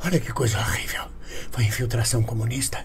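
In a satirical comedy monologue, a man plays a paranoid right-wing character, his husky voice carrying a Brazilian Portuguese accent. Alarmed and indignant, he rants in a panic at a moderate, animated pace, lurching between hushed whispers and high outbursts, with a faint hiss or hum underneath.

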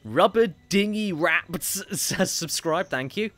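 A man's voice: high voice, expressive, slow, a bit bright. Chatty rambling male game streamer. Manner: rambling, self-correcting, reads viewer messages aloud. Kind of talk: casual gameplay commentary.

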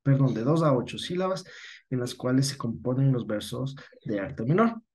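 This man, whose accent is Ecuadorian Spanish, runs an online lesson patiently, correcting himself often and checking his students understand. He sounds animated at a normal speed, with a medium-pitched, darkish voice.

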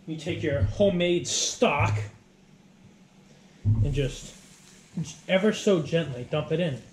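A man's voice: a little high, lively intonation, takes it slowly. A man, narrating a casual home cooking vlog in an informal, emphatic way, often repeating his phrases. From Rhode Island, USA. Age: 20s. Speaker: home cook vlogger. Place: home kitchen, indoors. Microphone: action camera, close or at arm's length. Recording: clear background noise with clicks.

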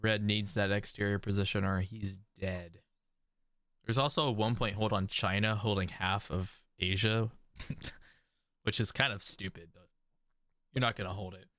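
A man streaming a strategy game, commenting live, excitable and laughing often, breaking into disbelieving exclamations. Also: lowish voice, normal speed, long pauses, no echo, clean studio sound. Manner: laughs often while talking.

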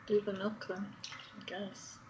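Female off-camera companion, casual, medium pitch, noisy home recording. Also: flat delivery, unhurried. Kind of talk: casual chat. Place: indoors in a home kitchen.

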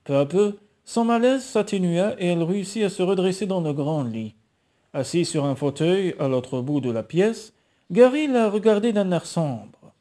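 Un homme qui lit un roman à voix haute, narration posée en donnant une voix à chaque personnage. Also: male voice, high-pitched, animated, moderate pace, mellow. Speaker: lecteur de roman.

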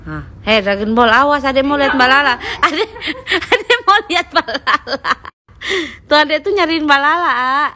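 A woman's voice: sits high, measured pace, bright, forceful tone. A woman chatting playfully with small children in a casual home video. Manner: playful teasing talk to a baby. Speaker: family member filming children.

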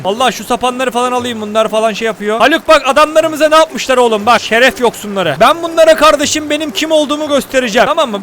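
A man giving excitable let's-play commentary, bantering and shouting at game characters. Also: very high-pitched, a little hiss or hum. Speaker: gaming YouTuber.

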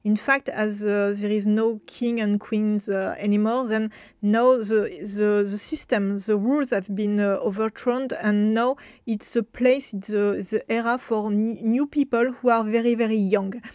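A woman with a strong French accent, a native French speaker, hosting an educational talk on historical fashion, talking in a halting way with many fillers and repeated words. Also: mid-range voice, fairly even intonation, a little mellow, clean tone, no echo. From France. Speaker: host.

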